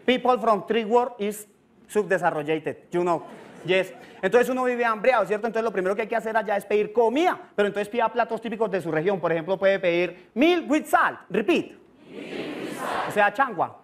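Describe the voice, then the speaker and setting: A man's voice: high-pitched, brisk, slight background noise. A Colombian man doing a stand-up comedy set, playfully playing teacher with exaggerated broken English. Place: stage before a live audience.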